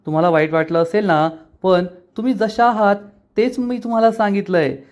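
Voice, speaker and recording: A man voicing a defiant, sharp-tongued young woman as he retells a TV episode. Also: high voice, fairly quick, voice pushed up.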